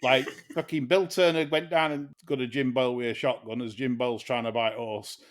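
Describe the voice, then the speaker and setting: A man's voice: mid-range voice, fairly even intonation, fairly quick. A man hosting a racing podcast, chatting casually with sweary, laughing banter. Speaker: podcast host. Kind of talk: casual chat.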